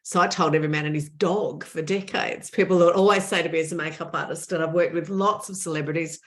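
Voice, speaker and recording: Speaking quickly with fairly even intonation, a lowish-voiced woman responds as an interview guest in a conversational tone. She presses her points earnestly, often saying words twice for emphasis.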